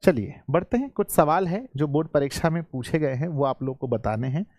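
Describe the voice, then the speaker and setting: A man teaching a live online class to students, repeating each question and often clearing his throat. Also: fairly high pitch, animated, brisk, a little mellow, dry recording, clean studio sound.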